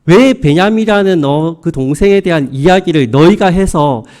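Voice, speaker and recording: A man's voice: fairly high pitch, expressive, moderate pace, darkish tone, close to an everyday voice. A man acting out an aged father who reproaches his grown sons with exasperated questions. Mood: reproachful. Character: aggrieved old father blaming his sons.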